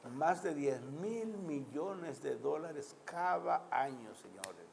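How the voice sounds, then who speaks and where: A man's voice: a little high, expressive, slow pace, gravelly, darkish tone, a little hiss or hum. A man with a Dominican Caribbean Spanish accent giving social commentary in an emphatic, oratorical way, building repeated lists and asking rhetorical questions. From Dominican Republic. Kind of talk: political and social commentary addressed to the audience.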